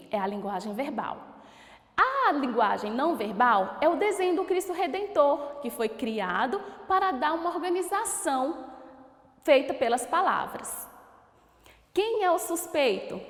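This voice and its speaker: Brazilian woman teacher, high and lively, slow syllable-by-syllable delivery, quizzing her pupils. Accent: Brazilian Portuguese. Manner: slow, drawn-out syllable-by-syllable pronunciation, asks questions to pupils. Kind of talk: recorded school lesson for children. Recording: echoey room with long reverb.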